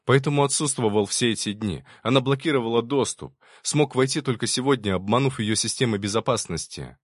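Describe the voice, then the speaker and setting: A man reading the lines of a gentle, devoted young programmer in an audiobook. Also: medium pitch, brisk, no echo, studio quality, lightly acted. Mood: earnest.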